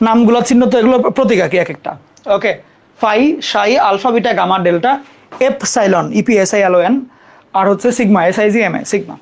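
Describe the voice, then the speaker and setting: A young adult teacher with a mid-range voice and vocal fry gives a casual live math lesson. She repeats terms slowly so students can copy them down and quickly apologizes when she makes mistakes on the board.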